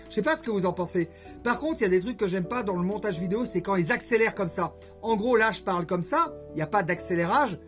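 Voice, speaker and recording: A man chatting casually to his viewers as a YouTuber, rambling with jokey conversational asides. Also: high-pitched. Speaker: YouTuber host. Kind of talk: casual vlog chat to camera.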